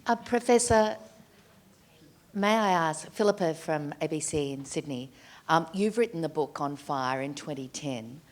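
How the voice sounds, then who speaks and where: A woman's voice: sits low, lively intonation, a little slow. A woman journalist putting a polite, formal question to a speaker at a public discussion.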